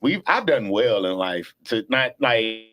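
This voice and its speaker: A middle-aged man hosting a podcast, telling stories casually with plenty of swearing and slow, drawn-out pauses while he thinks. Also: on the low side, very animated, fairly bright tone, no room sound. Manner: laid-back storytelling, profane, drawls when thinking. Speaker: podcast host.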